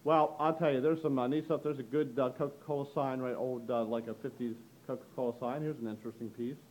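A middle-aged man, an auctioneer, walking through an indoor antique gallery with a handheld camera and chatting upbeat about the items, often saying "ladies and gentlemen". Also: mid-range voice, steady tone, fast, a little hiss or hum, rough recording. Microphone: handheld camera mic, speaker behind the camera.

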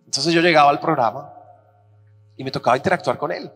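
A fairly high-voiced man preaching from a church stage. He tells his stories with lively, acted-out voices. His voice rings with long reverb over a faint electrical hum. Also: quick pace. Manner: animated storyteller, acts out dialogue with shifting pitch. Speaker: pastor. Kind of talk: sermon with personal storytelling. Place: church auditorium.

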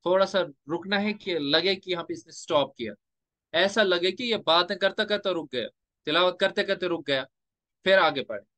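In a lecture, a man teaches the rules of Quran recitation, explaining step by step and slowing down to recite example verses. His voice is high with a sharp tone, and there's no echo.

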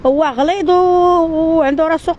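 A woman with a Moroccan accent giving a street interview, talking in an agitated rush full of halting restarts. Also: extremely high pitch, steady tone, darkish tone, lo-fi sound, slight background noise. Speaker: interviewee, tissue seller. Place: outdoors on a city street.

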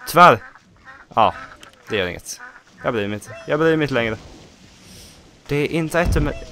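A man's voice: mid-range voice, slight background noise. A man with a Swedish accent giving casual let's play commentary, chatting to himself and swearing at small mishaps. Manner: chatty, self-talking, swears at mishaps, bursts into excited shouts.

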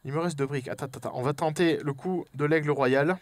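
Un homme à l'français qui commente en direct un jeu d'horreur, entre chuchotements tendus, cris et blagues. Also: male voice, on the high side, quick pace, no room sound. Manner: jokey, jumpy, swings from whispers to yelps. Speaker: let's play host. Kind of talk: horror game let's play commentary.

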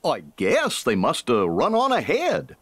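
Goofy, a husky, bouncy cartoon sidekick. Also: male voice, a little high, wildly swooping pitch, measured pace, no echo, heavily acted. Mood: easygoing. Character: goofy, good-natured cartoon sidekick, male.

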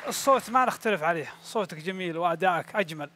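A man judges a singing contestant in a fairly high voice, speaking quickly. His tone is courteous and full of praise. A faint audience murmur sits behind him. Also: animated, sharp tone, a faint crowd, slight background noise. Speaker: competition judge. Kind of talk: on-air critique.

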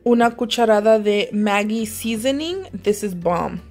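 A woman's voice: medium pitch, animated, normal speed, a little mellow, soft background music. A young woman vlogging from her home kitchen, chatting casually and switching between English and Spanish as she cooks. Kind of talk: casual cooking vlog chat. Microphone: handheld phone camera.

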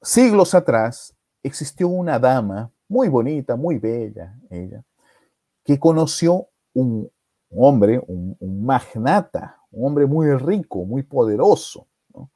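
A man's voice: mid-range voice, big pitch swings, takes it slowly, mellow, dry recording, clean studio sound. A man hosting a live stream, retelling a past-life story dramatically, with many rhetorical tags and restarts, greeting viewers.

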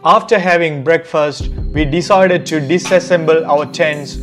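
A man narrates a vlog, reading a scripted voice-over about a trip at a measured pace. His voice is on the high side, and background music plays behind it.

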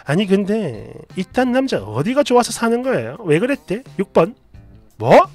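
A man reads out online posts and comments in a dramatized way, indignant and emotive. His voice sits high and swings widely. The recording is dry and close, with faint music underneath. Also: big pitch swings, moderate pace, darkish tone, dry recording. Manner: emotive, indignant, acts out the quotes. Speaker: storyteller narrator.

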